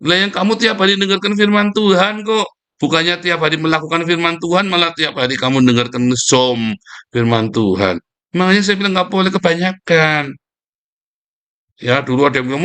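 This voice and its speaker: A man preaching a casual devotional sermon, scolding and mocking his listeners in a lively way. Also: a little high, clean tone.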